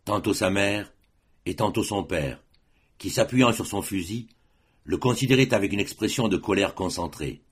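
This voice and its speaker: A man reading a classic story aloud as an audiobook narrator, in a measured, dramatic way. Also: lowish voice, slightly rough. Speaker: audiobook reader.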